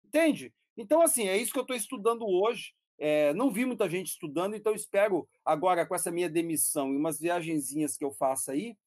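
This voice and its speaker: A man's voice: high-pitched, lively intonation, fast, hardly any pauses, a little mellow, dry recording, clean studio sound. A middle-aged Brazilian man, a philosophy professor, talking casually in long digressions, laughing and swearing now and then. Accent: Brazilian Portuguese. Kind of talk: casual conversational talk.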